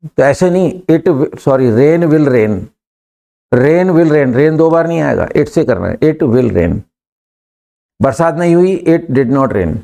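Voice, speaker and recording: A man's voice: a little high, a little mellow. A man with an Indian accent teaching an English class live, repeating prompts and urging his students to hurry and answer.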